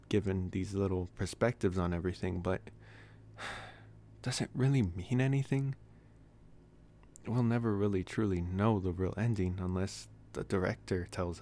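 In an ASMR boyfriend roleplay, a man voices a young male college vampire with a low, intimate voice. He's possessive and teasing yet gently reassuring, phrasing things softly and hesitantly with sighs and chuckles.

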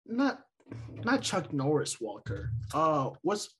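A man's voice: fairly high pitch, huge pitch swings, takes it slowly, fairly bright tone, slight background noise. A man co-hosting a podcast, chatting casually and rambling with lots of fillers and restarts. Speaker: podcast co-host. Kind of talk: casual chat.

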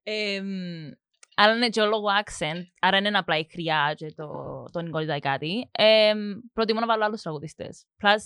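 A young woman with a Cypriot Greek accent talks casually in an interview, pausing often with fillers and slipping English words into her sentences. Her voice sits at a middle pitch. The sound is dry and close, with no room echo. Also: fairly bright tone, clean tone. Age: young adult. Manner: hesitant, many fillers, mixes in English words. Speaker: music production student, interviewee.

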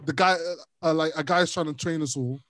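A man's voice: on the high side, fairly quick, no echo. A young man co-hosting a podcast, telling stories in casual chat and laughing often. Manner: animated storyteller, laughs often. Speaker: podcast co-host.

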